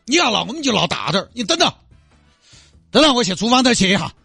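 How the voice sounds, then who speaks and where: Sichuan guy as a fed-up husband, gruff, dry close sound. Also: sits high, very animated, fast talker, pushed and bright, no room sound, soft background music. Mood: exasperated. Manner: gruff, exasperated. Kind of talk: comedy sketch acting.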